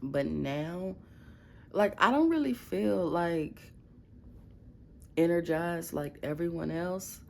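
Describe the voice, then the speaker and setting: A woman's voice: lowish voice, expressive, slow, vocal fry, pauses often, a little mellow. A woman vlogging casually from her bedroom at night, talking bluntly and profanely in a groggy just-woke-up voice, with a Midwestern American accent. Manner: blunt, profane, rambling storytelling. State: groggy morning voice. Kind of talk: casual late-night vlog.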